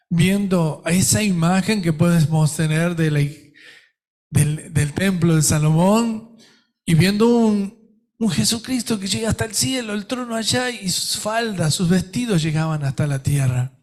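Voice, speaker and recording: Slow, emphatic Argentine pastor preaching. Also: male voice, on the high side, a little mellow. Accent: Argentine Spanish. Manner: emphatic, preaching with dramatic pauses. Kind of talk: sermon.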